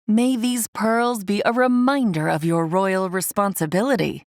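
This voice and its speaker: A woman puts on a kindly old-world merman king for a children's storybook. He is stately and formal, speaking to his daughters in a measured way, with a dry sound. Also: mid-range voice, steady tone, darkish tone, dry recording, natural voice. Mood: proud.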